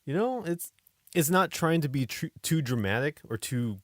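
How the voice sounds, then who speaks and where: Speaking at a normal pace with lively intonation, a man with a fairly high voice co-hosts a podcast in casual chat. He often hesitates while searching for words. The studio-quality recording has no echo.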